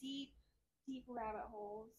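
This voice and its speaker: A woman's voice: fairly high pitch, steady tone, unhurried, darkish tone. A woman co-hosting a podcast, casually chatting, blunt and teasing, swearing freely. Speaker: podcast co-host. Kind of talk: casual chat.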